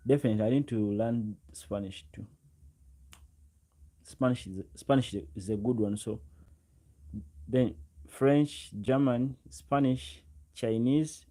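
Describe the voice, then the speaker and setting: A Ugandan-accented man in his twenties, his voice fairly low and dark in tone, chats casually on a livestream. He speaks straight to viewers, reads and answers their comments, and often repeats his phrases.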